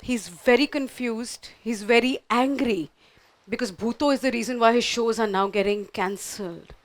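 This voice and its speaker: A woman's voice: a little high, normal speed. A woman performing a playful story for a festival audience, acting out the characters with sudden shifts in voice. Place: festival stage before an audience.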